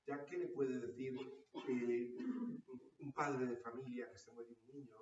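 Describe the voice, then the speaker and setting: The priest's mid-range voice is flat and unhurried as he teaches his parishioners, frequently using a questioning tag to check in. The recording, made in a parish hall or church room, sounds roomy, distant, and dull.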